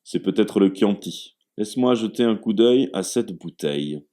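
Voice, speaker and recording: A man's voice: fairly low pitch, lively intonation, normal speed, mellow, lightly acted. A man voicing a welcoming, gray-haired Italian hostess with a light, teasing manner.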